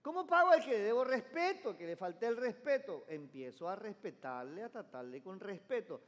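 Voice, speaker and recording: A man's voice: sits high, big pitch swings, moderate pace. A man preaching a sermon as pastor, emphatic and calling the congregation to repeat phrases after him. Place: church sanctuary. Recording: long church reverb.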